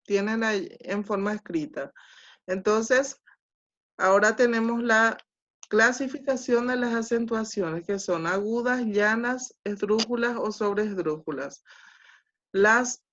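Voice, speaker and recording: A woman teaching an online class, unhurried and careful, checking in with her students after each point. Her pace is slow and measured. The audio is dull and lo-fi. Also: a little high, fairly bright tone.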